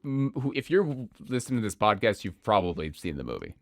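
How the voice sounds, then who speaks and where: A man's voice: fairly low pitch, sing-song, brisk, no echo, studio quality. A man co-hosting a podcast in casual chat, laid-back, swearing and trailing off with fillers. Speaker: podcast co-host.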